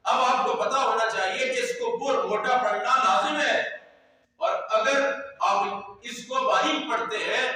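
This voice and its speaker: A man giving a sermon as an Islamic scholar, emphatic, at times shouting or drawing phrases out in a sung way. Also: very high-pitched. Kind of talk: sermon on prayer rules. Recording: echoey hall from far off.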